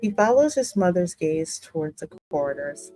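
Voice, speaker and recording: A woman hosting a gaming video narrates the story text and tosses in casual asides while music plays under her voice. Her voice is lowish, mellow and sing-song, at a moderate pace.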